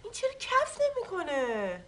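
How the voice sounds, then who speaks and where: An actress playing an upset young wife, worn out from crying, moody and snapping. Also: female voice, very high voice, wildly swooping pitch, a bit bright, exaggerated voice. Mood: weary.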